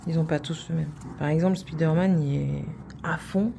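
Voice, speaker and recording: A woman chatting casually to her viewers about her craft projects, wandering from one thought to the next and teasing herself along the way. Her voice sits a little low and sounds soft and mellow rather than bright. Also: fairly even intonation, normal speed, vocal fry, a little hiss or hum. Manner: chatty, rambling, self-teasing. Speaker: crafts vlogger.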